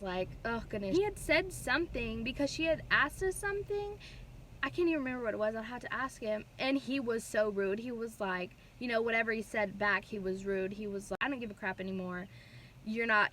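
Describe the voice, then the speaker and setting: Young female vlogger, slightly high voice, casual filler-heavy storytelling. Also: slight background noise. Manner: chatty, animated retelling with many fillers.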